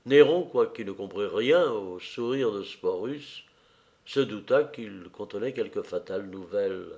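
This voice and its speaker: A man narrating a historical novel in a measured audiobook reading. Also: fairly low pitch, expressive, darkish tone.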